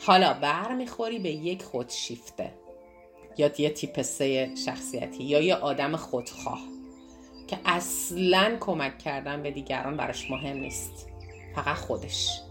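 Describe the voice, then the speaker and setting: A woman teaches a self-development course in a lowish voice, pressing her points by repeating phrases. She speaks directly to her listeners as if they were her class. Faint music plays underneath. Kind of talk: teaching talk to a course audience.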